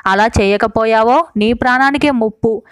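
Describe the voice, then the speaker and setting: A woman's voice: on the high side, normal speed, smooth, no echo, clean studio sound, lightly acted. A woman voicing a stingy friend who turns into a robber and threatens through gritted teeth. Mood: menacing.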